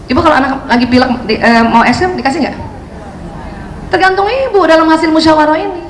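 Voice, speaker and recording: A woman giving a lively, chatty talk on parenting to an audience of mothers and acting out scenes between mother and child. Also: sits high, quick pace, slight background noise. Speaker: parenting speaker. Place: hall with an audience. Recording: echoey hall, faint ambience.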